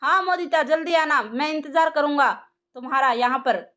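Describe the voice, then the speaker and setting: A woman's voice: high voice, normal speed, a bit bright, lo-fi sound. A woman voicing an anxious young man calling urgently in an audio story. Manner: urgent, nervous.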